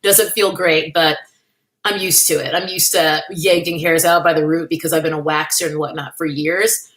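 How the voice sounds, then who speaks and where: A young adult woman hosts a casual livestream from home, reading the chat and talking candidly with viewers, laughing often and tossing in playful asides. Her voice sits low with fairly even intonation, a fairly bright tone and a moderate pace.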